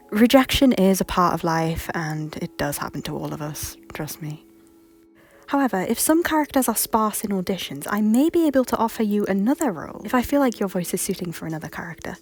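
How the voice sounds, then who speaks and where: A woman with a medium-pitched, darkish voice reads a scripted announcement as a project creator, politely explaining a voice casting call. Background music plays behind her.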